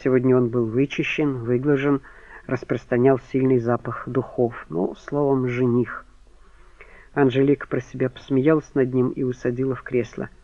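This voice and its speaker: A man reading a crime novel aloud as an audiobook narrator, steady and even. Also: medium pitch, moderate pace, no echo. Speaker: audiobook reader. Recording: slightly dull dry recording.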